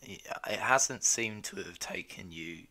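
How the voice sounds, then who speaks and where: A man with a very low, deep voice that still cuts through brightly, croaky and stuffed up from a cold. He co-hosts a relaxed podcast chat and keeps his replies dry and teasing. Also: takes it slowly. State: congested, sick voice. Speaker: podcast co-host. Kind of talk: casual chat.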